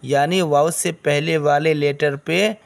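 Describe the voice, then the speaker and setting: Slow, patient man teaching recitation. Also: a little high, steady tone, vocal fry. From South Asia. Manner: explains step by step, asks and answers his own questions; drawls the long vowels when reciting. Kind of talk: recitation lesson for beginners.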